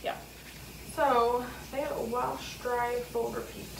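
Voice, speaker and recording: A middle-aged woman decorates a small laundry room at home, thinking aloud in a casual vlog. Her fairly high voice is slow, carries vocal fry, and barely moves in pitch. A camera or phone a few feet away picks her up, so the sound is roomy and distant, with a noisy background.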